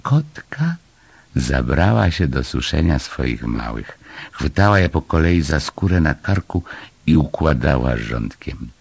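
Brief: storybook narrator, man, expressive, gravelly low voice, breathy tone. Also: a little slow, no echo. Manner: expressive, changes voice for each figure. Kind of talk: storybook reading aloud.

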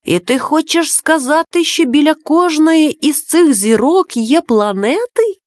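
A woman voicing a curious, excitable young male dove who keeps asking eager questions. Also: high-pitched, unhurried, no room sound, studio quality, pitched above the performer's own voice. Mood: eager, wondering.

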